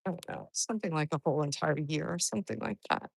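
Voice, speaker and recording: Creaky-voiced woman livestreaming on a walk. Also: low-pitched, fast, no echo, poor audio. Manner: talking while out walking for exercise; rambling, thinking aloud. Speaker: livestreamer greeting and answering viewers. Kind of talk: casual livestream chat to followers. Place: outdoors on a walk in hot weather.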